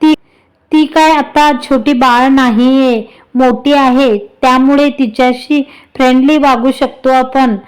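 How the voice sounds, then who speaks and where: A woman's voice: high-pitched, steady tone, slow, clear, resonant tone, rough recording. A woman voicing a teasing, affectionate young husband in a read-aloud story. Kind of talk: storybook reading.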